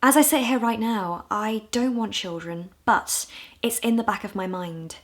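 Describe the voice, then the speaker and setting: A woman from the UK in her twenties, talking candidly and with self-deprecating humor in a casual vlog, her voice a little hoarse. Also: medium pitch, a little slow. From United Kingdom. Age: 20s. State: hoarse, low on voice. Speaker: vlogger.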